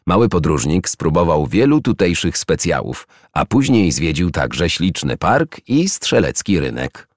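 Deep-voiced man reading a children's story. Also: a little slow, dry recording, studio quality. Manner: expressive, storytelling. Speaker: narrator.

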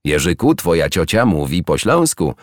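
A man reading a storybook aloud and voicing a kindly older male hedgehog uncle who explains things in a gentle, reassuring way. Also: low-pitched, sing-song, moderate pace, no room sound, studio quality. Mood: fond.

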